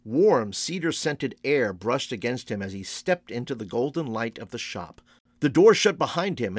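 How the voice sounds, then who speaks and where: Guy reading a story out loud, voice all over the place in a good way, super dry close mic. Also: mid-range voice, dry recording. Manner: expressive, measured storytelling. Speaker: reader. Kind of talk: storybook read-aloud.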